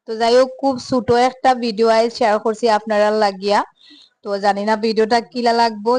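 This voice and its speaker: A young woman with a Sylheti accent, chatting casually through her home vlog and filling pauses with little hesitation sounds. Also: medium pitch. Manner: chatty, mixes Sylheti and standard Bengali, many filler sounds. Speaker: home vlogger.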